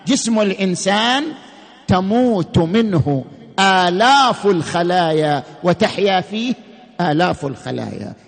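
A man giving a sermon-style religious lecture, emphatic, slowing and rising on key words. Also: sits high, gravelly, big-room sound.

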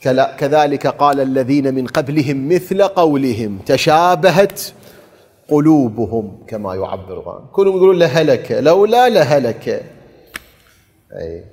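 A man with an Iraqi accent preaching an impassioned mourning sermon that rises into a chanted lament. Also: mid-range voice. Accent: Iraqi Arabic. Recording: echoey hall reverb.

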